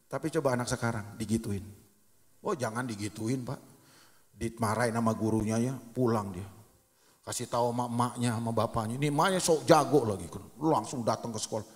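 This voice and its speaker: Pastor preaching in a reverberant church. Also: male voice, mid-range voice, brisk. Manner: lively storytelling with acted quotes. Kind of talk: sermon. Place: church sanctuary. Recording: long hall reverb.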